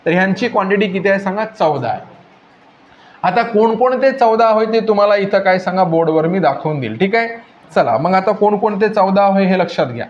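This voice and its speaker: A man's voice: high voice, expressive, brisk. A male teacher giving a classroom grammar lecture, constantly asking the class questions and prompting them to answer. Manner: drilling questions, repeatedly prompting "tell me". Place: classroom with a board. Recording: echoey, dull lo-fi classroom recording.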